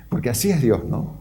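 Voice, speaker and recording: A man's voice: dark tone, slight background noise. A middle-aged Argentine man preaching a sermon as pastor, acting out the voices of Bible figures. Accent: Argentine Spanish. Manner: acts out Bible figures' voices with rising pitch.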